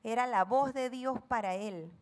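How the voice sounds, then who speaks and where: A middle-aged woman with a Panamanian Spanish accent preaches a sermon in a slightly high, somewhat slow voice. She reads scripture dramatically, puts questions to the congregation, and tosses in playful asides where she acts out friends chattering.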